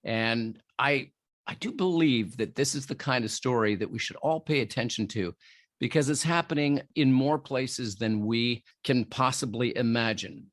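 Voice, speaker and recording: A man's voice: mid-range voice, moderate pace, no echo. A man hosting an interview podcast, talking in a friendly, earnest way with many restarts. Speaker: podcast host.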